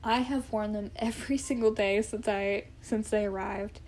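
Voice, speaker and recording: A woman's voice: mid-range voice, fairly even intonation, normal speed, darkish tone, a little hiss or hum. A woman in her twenties chatting casually to camera, hesitant and rambling, often correcting herself as she goes. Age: 20s. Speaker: vlogger. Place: indoor room at home with plants.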